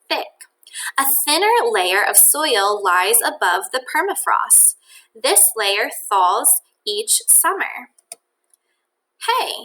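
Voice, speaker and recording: Reading from a children's nonfiction book, this woman teacher speaks in a high voice, expressive and measured, and breaks off to think aloud for her young listeners. The recording is rough, with a little background noise.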